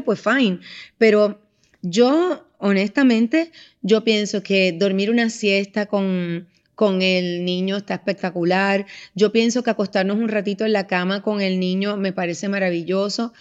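A woman in her fifties, a mother chatting on a podcast, telling stories with lively acted-out voices. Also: mid-range voice, muffled recording. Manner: animated storyteller, acts out voices in anecdotes. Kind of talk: casual podcast conversation.

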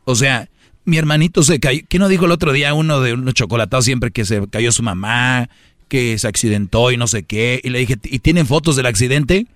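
A man hosts a radio comedy show, rambling through relationship advice in heavy slang and talking straight to his listeners. His voice sits at a middle pitch, and the sound is dry and close. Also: a little fast, a bit bright, no echo.

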